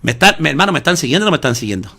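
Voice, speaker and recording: Racing along in a fairly high, pushed, bright voice with big pitch swings, a pastor preaches emphatically, and there is slight background noise. He often calls his listeners "hermano" and asks them rhetorical questions.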